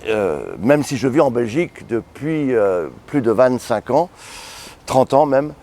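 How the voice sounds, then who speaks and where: A man's voice: medium pitch, sing-song, unhurried, mellow. A middle-aged man from France, a bishop giving emphatic, repetitive preacher-style commentary in an interview.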